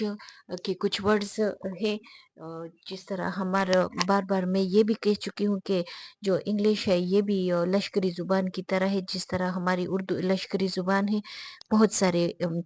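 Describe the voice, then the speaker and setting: Slow, deliberate woman teaching phonics. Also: medium pitch, steady tone, a little mellow. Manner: slow, deliberate, sounds out letters one by one. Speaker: English teacher. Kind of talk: phonics lesson.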